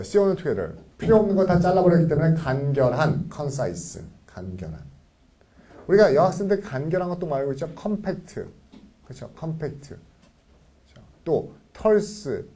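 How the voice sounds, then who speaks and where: A man's voice: on the high side, mellow, slightly rough. A man teaching English vocabulary to a class, talking animatedly and checking in with students again and again.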